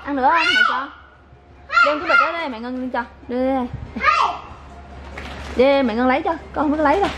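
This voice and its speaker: Her high voice is full of lively intonation as she speaks a bit fast, leaving long pauses in between. The young mother vlogs a casual family scene at home, playfully encouraging and complimenting her children at mealtime while chatting with viewers. The background is loud.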